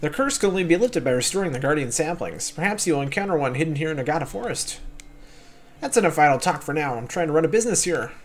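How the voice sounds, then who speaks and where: Man putting on a theatrical fortune-teller lady, swooping pitch. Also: lively intonation, fast talker. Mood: portentous. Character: mysterious female bone-reading fortune teller in a game. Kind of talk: dramatic read-aloud of game dialogue.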